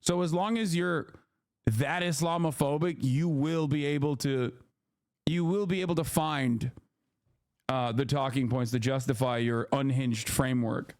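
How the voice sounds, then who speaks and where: A man's voice: mid-range voice, fairly even intonation, measured pace, a little mellow. A man giving casual reaction commentary to a debate, sarcastic and mocking in tone.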